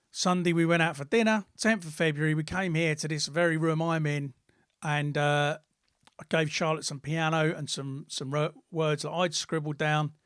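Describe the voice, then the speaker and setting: A man's voice: fairly high pitch, fairly bright tone, clear, resonant tone, dry recording. A man hosting a casual live podcast from his home studio room, chatty and rambling, with friendly teasing. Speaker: podcast host and record label producer. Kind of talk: casual live-stream chat.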